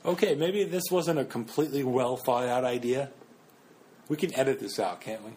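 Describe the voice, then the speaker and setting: A man's voice: mid-range voice, moderate pace, a little mellow, a little hiss or hum. A young man co-hosting a casual podcast chat, rambling and hesitant with lots of fillers. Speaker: podcast co-host.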